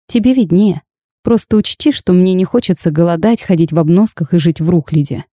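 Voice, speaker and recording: A woman reading the lines of a bold, sharp-tongued young half-fairy bride in a storybook tale, lively and teasing in tone. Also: fairly low pitch, a little fast, dry recording, studio quality, lightly acted. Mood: spirited.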